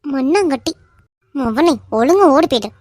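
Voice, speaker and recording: A woman voicing a young female cousin in an animated romance, teasing and mock-threatening in a Kanyakumari Tamil accent. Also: high-pitched, moderate pace, no room sound, studio quality. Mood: teasing banter.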